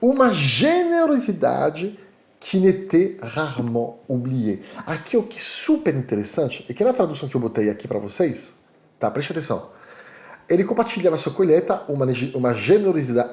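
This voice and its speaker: A man's voice: on the high side, normal speed, echoey room. A man from Paris with a French accent, teaching a French lesson in Portuguese and often checking in with "tá?". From Paris, France. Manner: animated, repeats "tá?" to check understanding. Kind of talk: online language lesson.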